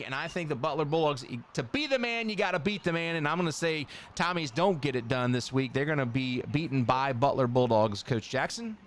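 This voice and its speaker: An upbeat man hosts a casual sports talk show, running through stats with quick remarks of his own. His voice sits a little high for a man, with a faint hiss of noise under it. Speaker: show host.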